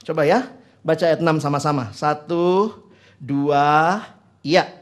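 A man preaching a sermon, teaching from the Bible, asking his listeners questions and dropping in English phrases, moving between loud emphasis and quiet asides. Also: a little high, slow, very noisy.

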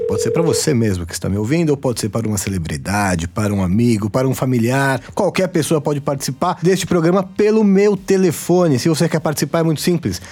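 A man's voice: on the high side, darkish tone. A man with a Brazilian Portuguese accent hosting a podcast in a casual, conversational way, speaking informally and directly. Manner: informal, addresses the listener directly. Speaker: podcast host.

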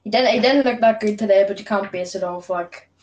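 Woman, mid-pitched voice, casual football podcast chat, faint background noise. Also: a little fast, darkish tone, highs cut off. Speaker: podcast co-host.

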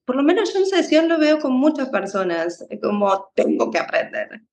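A woman, a psychologist guest in a conversation, explaining in a calm, unhurried way. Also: high voice, roomy sound. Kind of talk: interview conversation.

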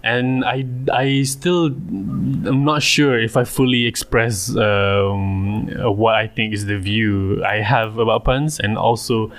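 A man with a Malaysian accent hosting a casual podcast, often halting and interrupting himself as he talks. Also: on the low side, steady tone. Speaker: podcast host.

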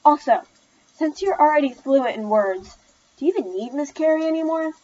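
A woman's voice: high voice, lively intonation, moderate pace, dark tone, highs cut off, pitched above the performer's own voice. A woman reading the part of a friendly man who does woodwork and is learning sign language, cheerful and a bit nosy.

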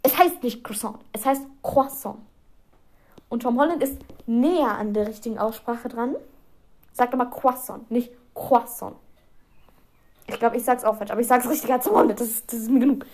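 A teenage girl talks on her own podcast in a loose, chatty way. Her voice sits a little high, and she drifts between topics with self-mocking asides and small giggles. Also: fast, a little mellow. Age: teens. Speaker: podcast host. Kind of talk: casual solo podcast chat.

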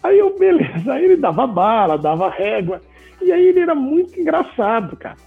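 Man, high husky voice, lively anecdotes, tinny phone-like audio, faint music. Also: fairly quick. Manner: animated, laughing anecdotes. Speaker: sports journalist guest. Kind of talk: casual storytelling in an interview.

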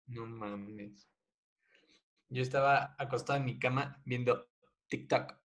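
Joking young Mexican podcast host. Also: male voice, medium pitch, takes it slowly. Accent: Mexican Spanish. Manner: joking, slangy, animated storytelling. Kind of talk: casual podcast chat.

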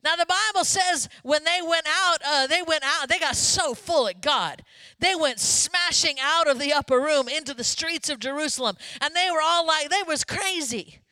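A woman pastor preaching a sermon in a lively, conversational way, often turning to ask the congregation questions. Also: sits high, normal speed, no room sound.

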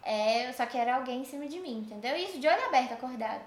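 A Brazilian woman telling her own spooky stories in a casual chat, animated and dramatic. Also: sits high, fast, a little hiss or hum. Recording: roomy echo.

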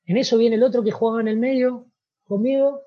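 A man with a Rioplatense Spanish accent tells his story with animation, slipping into the voices of the people in it and checking in with "¿viste?". His voice is husky and slightly rough at the edges. The recording sounds a bit dull and muffled. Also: extremely high pitch, a little fast. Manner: animated storyteller, acts out dialogue, frequent "¿viste?". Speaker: interview guest, former footballer. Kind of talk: casual storytelling.

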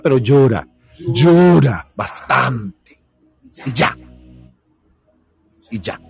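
A man with a Venezuelan accent, an actor giving a playful motivational talk and acting out little quoted voices. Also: mid-range voice. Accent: Venezuelan Spanish.

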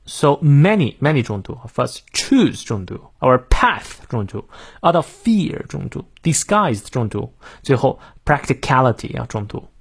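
A man giving a morning English lesson in Mandarin, explaining a quote phrase by phrase and reading the English lines slowly and carefully, with frequent fillers. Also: mid-range voice, husky. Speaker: English teacher.

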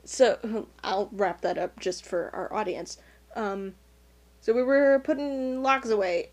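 A woman's voice: fairly high pitch, darkish tone. A woman hosting a casual podcast chat, making dry, wry asides. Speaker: podcast host.

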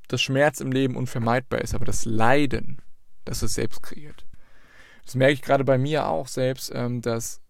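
A man's voice: medium pitch, vocal fry, dry recording. A man giving a motivational monologue, speaking earnestly and straight to the listener with repeated questions and the odd curse word. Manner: emphatic, occasional swearing.

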